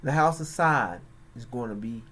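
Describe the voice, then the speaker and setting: A man hosting religious and political commentary, speaking in a halting, emphatic way with frequent pauses. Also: mid-range voice, a bit bright, husky. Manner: slow, halting, emphatic delivery. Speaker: host.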